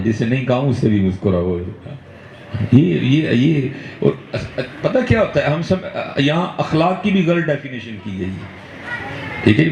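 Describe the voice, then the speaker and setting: A man's voice: a little high, a little mellow, slight background noise. A man with a Punjabi-inflected Urdu accent, preaching a sermon to a gathering and often checking in with a questioning "hain?". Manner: rhetorical, keeps checking in with the audience with a questioning "hain?"; switches into Punjabi for emphatic exhortation. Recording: echoey, slightly dull hall recording.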